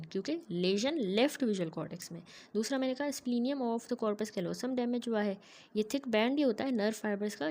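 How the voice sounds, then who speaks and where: A woman giving a methodical, explanatory medical lecture, often pausing to check in with her students. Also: medium pitch, a little mellow. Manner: methodical, keeps checking in with "ठीक है".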